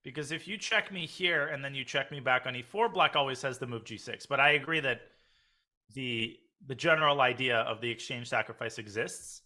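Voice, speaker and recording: A man commentates live chess as host. His voice is mid-pitched and strikingly bright, with a crisp, forceful edge. He speaks conversationally, as if talking it through with a partner. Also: brisk. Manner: conversational, poses questions to co-commentator.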